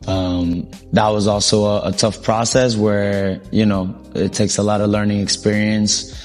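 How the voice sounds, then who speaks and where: A young man born in Colombia, a soccer coach, talks through his story in a low, flat voice, relaxed and full of ums. Faint music plays beneath him. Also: unhurried. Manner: relaxed, rambling with frequent ums. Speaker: soccer coach, interview guest. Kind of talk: casual interview storytelling.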